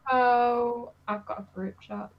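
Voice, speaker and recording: Slow woman, dull lo-fi call. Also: a little high, steady tone, vocal fry. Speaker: guest. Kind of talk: casual chat.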